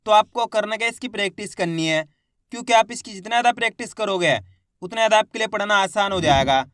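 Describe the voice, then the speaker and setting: A man's voice: high-pitched, quick pace, a bit bright, dry recording, studio quality. A man teaching a reading lesson, sounding out each syllable and then drawing out the whole word.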